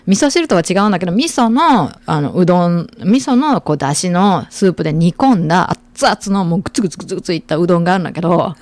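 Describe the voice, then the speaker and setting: A middle-aged woman from Aichi, chatting and telling stories with a lot of energy. Her speech rushes along and her pitch swings widely while sitting a little low. The sound is dry and close to the mic. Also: no echo. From Aichi, Japan. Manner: animated storyteller, lively quoting voices. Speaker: podcast host. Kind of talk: casual chat.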